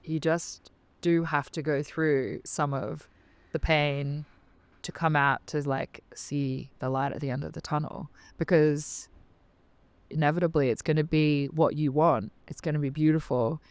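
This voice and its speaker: An Australian woman talks as a guest on a casual podcast, and her voice sits low and sounds smooth and clear. She is chatty and keeps affirming with quick "yeah"s. The recording is dry and close. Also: fairly even intonation, no echo. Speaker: business coach, podcast guest.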